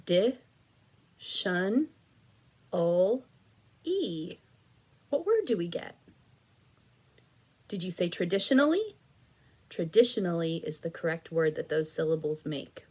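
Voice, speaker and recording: A woman teacher giving a recorded reading lesson to young children, with slow, clear prompts and patient praise. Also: fairly low pitch.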